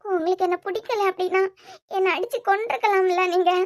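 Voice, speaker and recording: A woman's voice: very high-pitched, steady tone, a little fast, no echo, studio quality. A woman voicing a tearful young wife. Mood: distraught. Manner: crying, pleading, reproachful. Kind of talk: cartoon web series voice acting.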